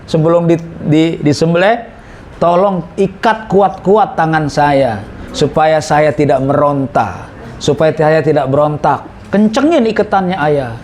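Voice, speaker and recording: A man voicing a devoted teenage boy who speaks calmly and earnestly, pleading gently as part of a sermon. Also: fairly high pitch, unhurried, slight background noise, natural voice. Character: devoted teenage boy, calm and self-sacrificing.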